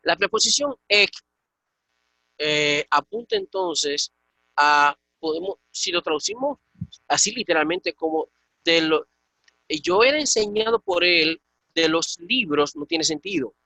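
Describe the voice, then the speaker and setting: A man's voice: a little high, sing-song, unhurried, creaky, bright, forceful tone, no room sound. A man from the Dominican Republic teaching a Koine Greek class, explaining patiently and checking in with his students. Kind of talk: online class lecture.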